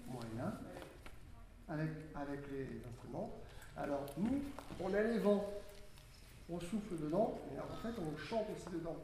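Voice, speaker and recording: A music teacher leading a group with hand signs, coaxing and animated, giving quick instructions. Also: medium pitch. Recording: very echoey room with steady background noise.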